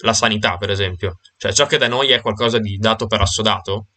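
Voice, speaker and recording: A man with a fairly low, bright and forceful voice steers a casual discussion over a video call. He thinks aloud, pausing on fillers and restarting his sentences. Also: slight background noise.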